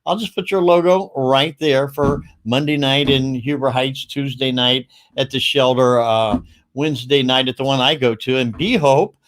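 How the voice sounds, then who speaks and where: A man hosting a casual livestream, talking in a rambling, upbeat way with quick asides. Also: medium pitch, fairly even intonation, fairly bright tone. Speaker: livestream host.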